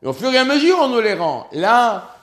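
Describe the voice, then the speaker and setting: A man's voice: extremely high pitch, very animated, fairly quick, a bit bright. A man giving a spoken religious lesson, earnest and emphatic, often restarting and repeating words as he explains. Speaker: religious teacher.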